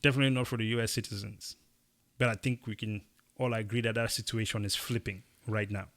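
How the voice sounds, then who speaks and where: Casting: young male co-host from Cameroon, gravelly voice, emphatic delivery with animated bursts. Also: lowish voice, fast. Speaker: podcast co-host. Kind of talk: casual opinion chat.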